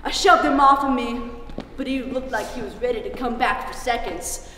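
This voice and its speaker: A woman playing a rowdy, hot-tempered male deputy marshal in a live stage play, telling a crude tale in a slow drawl. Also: fairly high pitch, sharp tone, a little hiss or hum. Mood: storytelling. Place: theater stage. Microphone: distant stage mic. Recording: echoey theater hall from far off.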